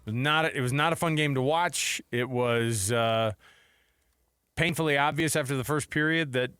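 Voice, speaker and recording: This middle-aged American man hosts a sports radio show, offering casual, informal talk and commentary on games. His bright, mid-range voice is forceful yet smooth at normal speed. The close broadcast microphone in a radio studio yields a dry, studio-quality recording.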